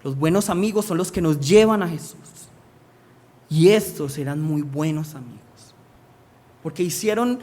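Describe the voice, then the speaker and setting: A male preacher, giving a sermon and asking the congregation questions that he answers himself. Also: sits high.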